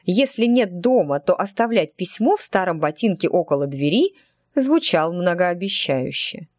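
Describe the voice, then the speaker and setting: A woman narrating an audiobook with expressive storytelling. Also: lowish voice, normal speed, no room sound, clean studio sound.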